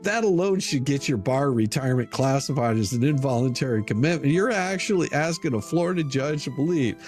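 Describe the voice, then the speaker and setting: An online commentator tears into an open letter with a theatrical, sneering reading full of swearing, music playing under his voice. He sounds mid-range, animated, and brisk, with a slightly mellow quality.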